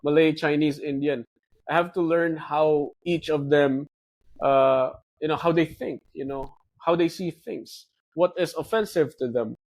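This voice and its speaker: A Filipino man in his forties with a Filipino accent talks as a guest in a relaxed conversation. His voice sits fairly high, and he tells stories in an animated way, switching freely between English and Tagalog. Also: a little slow. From Philippines. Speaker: guest, wealth manager. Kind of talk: casual conversation.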